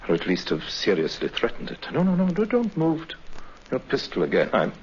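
An actor playing a menacing, courtly English professor of crime in a 1950s radio drama, formal, unctuous and deliberate in manner. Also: male voice, mid-range voice, huge pitch swings. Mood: aggrieved, threatening. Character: courtly, menacing male criminal mastermind professor. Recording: muffled, faintly hissy 1950s radio recording.

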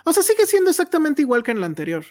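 A woman's voice: sits high, wildly swooping pitch, rapid-fire, a little mellow, soft background music. Mexican woman giving a chatty slangy movie review, hedges a lot. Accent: Mexican Spanish. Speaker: film reviewer. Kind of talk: casual movie review chat.

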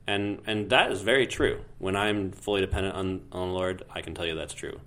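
A man in his thirties co-hosting a casual podcast from home, talking in a relaxed, rambling way with fillers. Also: low-pitched, a little fast. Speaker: podcast co-host. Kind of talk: casual chat.

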